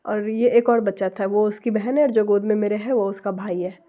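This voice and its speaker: A woman in her thirties, hoarse from a cold with a scratchy throat, chatting to viewers in a casual vlog. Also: medium pitch, fairly even intonation, normal speed, mellow. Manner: chatty, talks straight to viewers. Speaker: vlogger.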